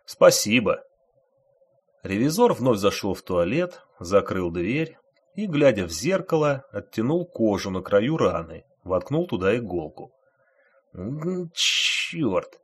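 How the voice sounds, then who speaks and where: A man narrating an audiobook thriller with expressive, tense storytelling. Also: fairly low pitch, normal speed, husky.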